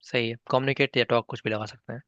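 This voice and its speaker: A man's voice: medium pitch, fairly even intonation, quick pace, sharp tone, clear, resonant tone, dry recording, muffled recording. A man teaching a spoken English class online, patiently mixing Hindi and English and coaxing learners by name.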